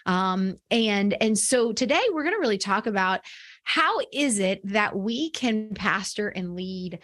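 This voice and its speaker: A woman's voice: medium pitch, lively intonation, a little slow, fairly bright tone. An upbeat woman co-hosting a podcast with a mid-range voice. She asks long, winding questions full of fillers. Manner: upbeat, interviewer framing questions, many fillers. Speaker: podcast co-host. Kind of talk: casual podcast conversation.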